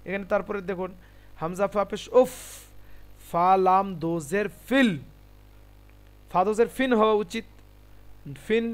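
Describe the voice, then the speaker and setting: High-voiced man teaching Quran reading. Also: smooth. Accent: Bengali. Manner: spells out letters and vowel marks slowly, then reads the word. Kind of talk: tajweed lesson.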